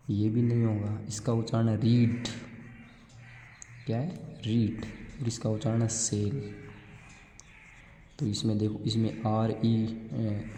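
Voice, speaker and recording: Slow, dark-voiced male teacher in an echoing room. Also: fairly low pitch, slight background noise. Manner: explains slowly, asks questions and answers them himself; reads English test questions very slowly. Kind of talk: classroom lesson. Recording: roomy with long reverb.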